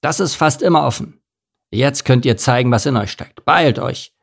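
A man's voice: lowish voice, normal speed, gravelly, breathy edge. A man voicing an arrogant male camel who leads a caravan and talks in a snappish, bossy, haughty way. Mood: commanding.

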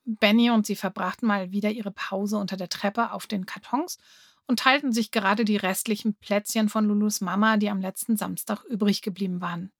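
A woman narrating a children's audiobook in a lively storytelling manner on a close studio mic. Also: mid-range voice, fairly quick, dry recording.

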